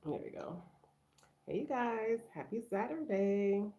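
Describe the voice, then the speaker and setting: A woman's voice: medium pitch, sing-song, measured pace, warm tone. A woman from Haiti hosting a casual live stream, greeting viewers and answering their comments aloud in a chatty way. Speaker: livestream host.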